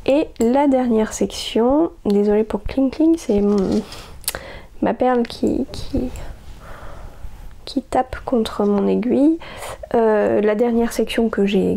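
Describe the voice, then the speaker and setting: Slow, mellow-voiced woman. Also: a little high, creaky. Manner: hesitant, many fillers and self-corrections. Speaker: crafting podcast host. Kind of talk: casual chat showing knitting projects.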